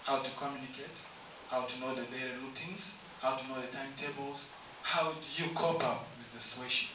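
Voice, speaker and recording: A Tanzanian man running for student council gives a formal campaign speech in a university room, listing his points in a slow, halting delivery. His medium-pitched voice holds a steady tone. Captured by a distant camera rather than a microphone, the audio is echoey, dull, and hissy.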